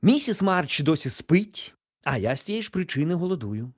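A man puts on a kindly, bookish gentleman bear from a storybook, polite and a little fussy, flustered at every turn. His voice sits above the teller's own and swings up and down with feeling, a touch husky and recorded close and dry. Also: a little high, very animated, moderate pace, no room sound, voice pushed up. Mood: cheerful. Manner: polite, fussy, easily embarrassed. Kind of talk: storybook character voice.

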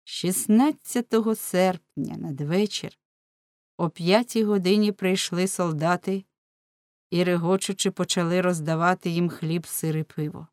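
A woman reads a storybook aloud in a measured, solemn voice. Her tone is fairly low, and the recording is dry and close, with no room sound. The narration moves steadily. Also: fairly even intonation, darkish tone, dry recording. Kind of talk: audiobook narration.

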